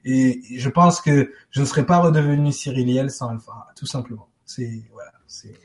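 A man whose first language is French speaks informally as a guest on a live spiritual web show, acting out small exchanges as he explains things. His voice is mid-range and moderately paced, with crowd noise in the background.

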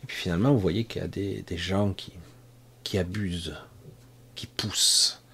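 A man's voice: low voice, fairly even intonation, normal speed, vocal fry, sharp tone, slightly rough. A man from France giving a rambling, conversational monologue about energy healing, full of asides and restarts, speaking straight to his listeners. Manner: addresses listeners directly, conversational. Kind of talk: casual spoken monologue.

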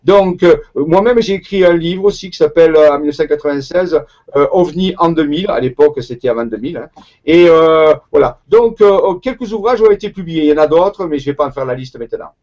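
A man's voice: fairly high pitch, fairly quick, a little mellow, muffled recording. A man with a Marseille accent, speaking as an interview guest in a hesitant way, with lots of fillers and restarts. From Marseille, southern France. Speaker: guest researcher. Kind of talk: conversational interview.

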